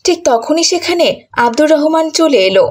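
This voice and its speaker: High-voiced woman narrating a cartoon. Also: expressive, fairly quick. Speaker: narrator and voice of the mother.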